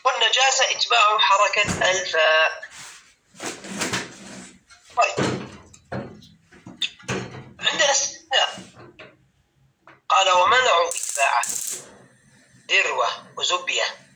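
A man teaching a grammar lesson to students, patiently repeating words slowly and stopping to check whether they understand. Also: high-pitched, lively intonation, pushed and bright, slight background noise, poor audio. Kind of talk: explanatory classroom lesson.

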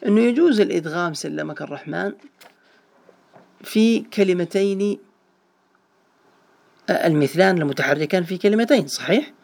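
A male teacher speaks quickly through a gravelly, creaky voice. He is patient with his students. He keeps asking questions to check that they follow. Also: a little high, expressive. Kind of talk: teaching a small online class.

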